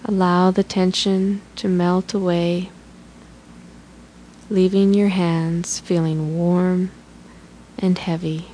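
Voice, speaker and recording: A woman leading a guided relaxation meditation in a slow, soothing, instructional way. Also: fairly low pitch, little pitch movement, warm tone, slight background noise.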